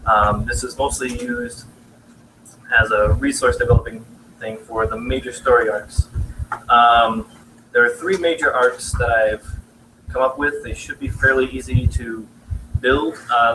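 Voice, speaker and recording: A young man casually pitching his game in a live presentation, halting and full of fillers. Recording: distant mic in noisy room.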